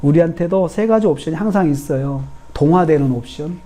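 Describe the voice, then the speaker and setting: A middle-aged male pastor preaching a sermon in an earnest, repetitive way, acting out quoted speech in a raised, lively voice. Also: on the high side, fairly quick.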